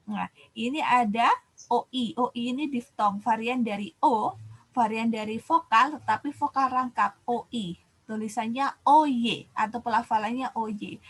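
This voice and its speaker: A woman's voice: fairly high pitch, slightly rough, poor audio. A woman giving a university lecture, explaining each point step by step and repeating words to show how they are pronounced.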